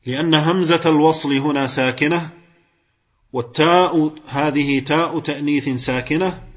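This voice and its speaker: Male grammar teacher, husky voice, step-by-step classroom explaining, muffled recording. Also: on the high side, fairly even intonation, normal speed. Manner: explains step by step, quizzes and praises students.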